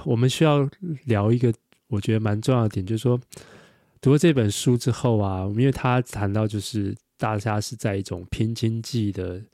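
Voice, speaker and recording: A man's voice: fairly low pitch, darkish tone, dry recording, clean studio sound. A man hosting a casual conversation, giving many short replies as he listens. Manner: frequent short backchannel replies. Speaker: podcast host.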